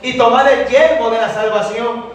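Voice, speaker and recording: High-voiced preacher in an echoing hall. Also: male voice, steady tone, normal speed, recorded from a distance. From Ecuador. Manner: emphatic preaching, tells a personal testimony, repeats "a su nombre". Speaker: evangelist preacher. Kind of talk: sermon. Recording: very echoey hall, voice from afar, faint noise.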